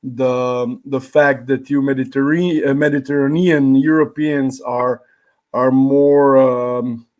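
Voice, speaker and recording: Slow, halting man with a Slovenian accent. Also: mid-range voice, level tone, darkish tone. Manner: halting, with frequent pauses and fillers. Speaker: podcast host. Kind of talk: live-streamed interview. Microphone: video call.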